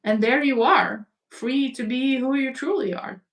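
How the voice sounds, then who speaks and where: Calm woman musing on healing over a video call, mic kinda distant. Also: high-pitched, unhurried. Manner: reflective, gentle, uses imagery. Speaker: guest. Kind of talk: spiritual conversation.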